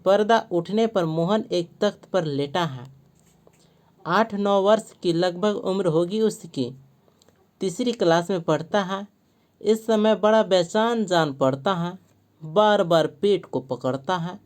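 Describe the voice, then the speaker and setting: A woman teacher reading a play aloud for a class, going through the stage directions slowly and carefully. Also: on the low side, a little mellow.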